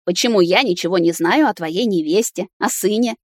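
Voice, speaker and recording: A woman's voice: mid-range voice, moderate pace, dry recording, clean studio sound, close to an everyday voice. A woman doing a stern scolding grandmother. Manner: commanding, scolding.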